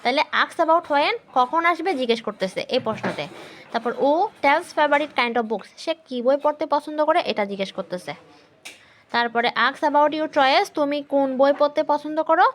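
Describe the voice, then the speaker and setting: Teaching a grammar class, the woman spells each word letter by letter, answers her own questions, and slowly reads English sentences before explaining them. Her high, expressive voice comes with a faint hiss or hum.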